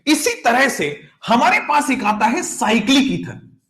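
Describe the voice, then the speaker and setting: A man's voice: very high-pitched, very animated, fairly bright tone, reverberant. A man teaching chemistry in an online lecture, calling students "beta" and drawing out and repeating key terms. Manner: calls students beta and bachche, asks rhetorical checks; drawn-out stressed words, repeats key terms.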